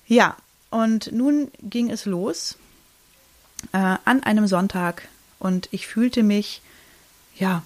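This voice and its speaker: Taking it slowly and pausing often, a thirty-something podcast co-host with a medium-pitched, darkish voice shares a personal story in relaxed conversation, full of fillers and restarts, voicing what others said.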